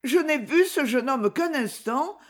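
A woman's voice: a little high, very animated, unhurried, voice pushed up. A woman reading an audiobook, voicing a young noblewoman who speaks to her father in a raised, pleading, emotional tone. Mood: shy. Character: young noblewoman, anxious and passionate daughter.

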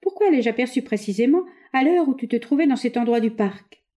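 A woman reading aloud, voicing a jealous, suspicious young wife in an insistent, high, agitated voice. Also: lively intonation, a little fast, dark tone, lightly acted.

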